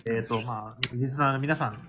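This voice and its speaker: A man's voice: medium pitch, fairly quick, background noise. A male radio show host chatting casually over an iPhone mic, with lots of fillers and laughter. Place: board game bar. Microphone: iPhone held close.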